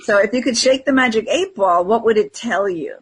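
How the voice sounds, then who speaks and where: Her voice a little high and fairly quick, a woman co-hosts a spiritual talk show, musing reflectively and frequently verbalizing her own self-talk in loose, unscripted chat. The recording is rough, with a little hiss or hum.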